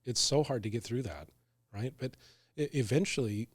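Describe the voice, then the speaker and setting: Guy co-hosting a chat, frank and lively, keeps saying right?, husky voice, dry room. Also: medium pitch, normal speed, no echo. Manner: frank, animated, tag questions "right?". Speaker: co-host. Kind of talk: casual podcast conversation.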